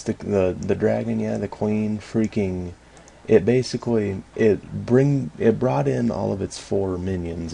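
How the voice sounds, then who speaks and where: A man's voice: sits low, gravelly, mellow, slight background noise. A man giving casual, rambling commentary over his gameplay, with lots of ums and restarts and the odd curse when things go wrong. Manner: casually profane when frustrated. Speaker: gaming channel host.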